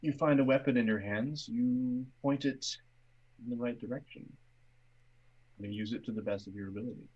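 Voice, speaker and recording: A man playing a blunt, probing vampire mercenary in a tabletop game, deliberate and repeating his words. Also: mid-range voice, breathy edge, highs cut off, close to an everyday voice. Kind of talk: tabletop role-play acting.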